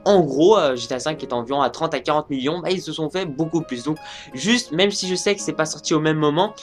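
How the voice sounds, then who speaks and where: Young guy gaming youtuber, kinda high voice, rambles w tons of fillers, soft music behind. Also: fairly quick. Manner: rambling, many fillers and restarts. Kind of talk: casual video commentary.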